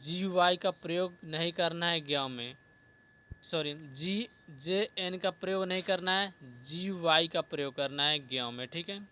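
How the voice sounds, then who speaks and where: A male teacher giving a slow spelling lesson, repeating each word and often adding "ठीक है". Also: on the high side, sharp tone.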